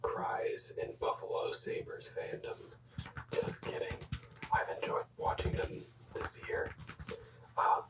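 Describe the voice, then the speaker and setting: Here a young adult ASMR creator does a show-and-tell of hockey jerseys, whispering without voicing. The pace is slow, with repeated words and rambling asides that keep correcting themselves, and the voice comes across distant in an echoey space.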